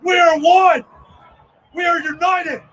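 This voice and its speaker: A man giving an impassioned protest speech at an outdoor rally, shouting slogans in short bursts as a rally speaker. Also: very high-pitched, fairly even intonation, slow. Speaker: rally speaker, veterans' group organizer. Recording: distant outdoor recording with crowd noise. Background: crowd and street noise.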